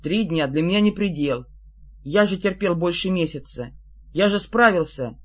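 The reader of an audiobook voicing an old male ghostly shadow, speaking in a hushed, pleading whisper. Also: medium pitch, expressive, normal speed, husky, highs cut off. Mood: coaxing. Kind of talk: audiobook character reading.

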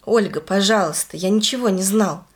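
A woman's voice: mid-range voice, normal speed, lightly acted. A woman doing a bewildered, shaken husband. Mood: pleading. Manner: confused, pleading.

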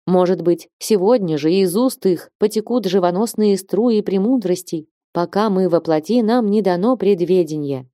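A woman voicing a devout young girl who speaks quietly and earnestly, with rapture. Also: medium pitch, moderate pace, hardly any pauses, no room sound, clean studio sound, close to an everyday voice.

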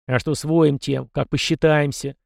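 A man's voice: a little high, little pitch movement, normal speed, gravelly, no echo, studio quality. A man reading an audiobook and voicing an arrogant, hot-tempered teenage prince who speaks haughtily and stubbornly. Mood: petulant. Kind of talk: audiobook character voice.

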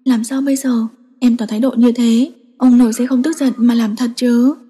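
A woman voicing an emotional pregnant young woman who speaks in a high, trembling, pleading voice. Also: steady tone, moderate pace, mellow, slightly rough, big-room sound. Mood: tearful.

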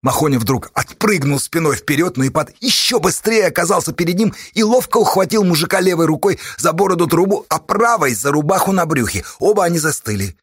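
A man narrating a dramatic audiobook, reading with intensity and sharp rises in pitch. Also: expressive, a little fast, few pauses, breathy edge, no echo, studio quality.

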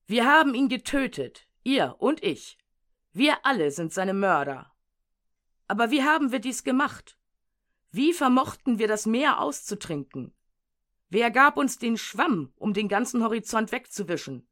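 A woman voicing an anguished, frantic madman with a lantern, declaiming in urgent, drawn-out questions, in an audiobook reading. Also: fairly high pitch, big pitch swings, a bit bright.

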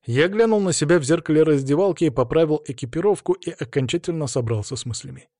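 Steady male storyteller. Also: a little high, fast talker, no echo, studio quality. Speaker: narrator. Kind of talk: scripted first-person narration.

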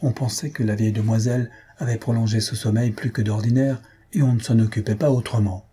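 Very husky, mellow male narrator. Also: on the low side, fairly even intonation, a little fast. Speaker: audiobook narrator. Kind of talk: audiobook reading.

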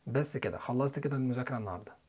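A young man with an Egyptian Arabic accent, teaching English listening and pronunciation in a quick, chatty way. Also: medium pitch, a little mellow, breathy edge. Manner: quick, chatty lesson delivery with spelled-out letters and repeated example words.

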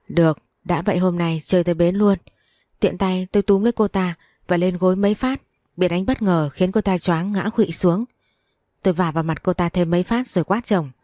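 A woman's voice: lowish voice, a little mellow, dry recording, clean studio sound. A woman narrating a dramatic first-person story.

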